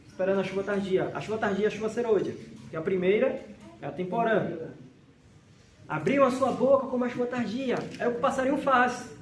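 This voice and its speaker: A man from Brazil preaching a sermon, emphatic, slowly repeating each verse reference. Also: very high voice. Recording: echoey hall with faint noise.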